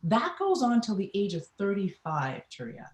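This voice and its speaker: Trinidadian woman, middle-aged, guest recounting her past with animated voices, echoey room. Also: medium pitch, normal speed, slight background noise. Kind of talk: personal storytelling in an interview. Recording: roomy echo.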